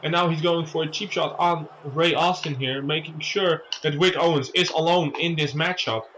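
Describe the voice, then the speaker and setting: A man's voice: fairly high pitch, steady tone, moderate pace, noisy background. A man giving play-by-play as a wrestling commentator, calling moves and counts with exclamations. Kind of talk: play-by-play wrestling commentary over a video game match.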